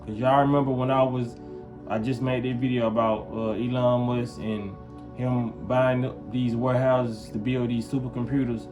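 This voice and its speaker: With music in the background, a Memphis vlogger speaks to camera at normal speed, his medium-pitched voice level in tone. The US South native rambles casually and keeps asking his audience, "you feel what I'm saying."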